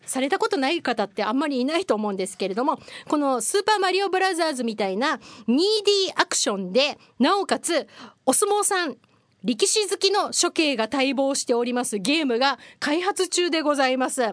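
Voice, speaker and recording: A woman's voice: high voice, animated, brisk, no room sound, clean studio sound. A woman hosting a casual solo news chat, chatty and wry, mixing formal polite phrasing with casual asides and frequent hesitations. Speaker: podcast host.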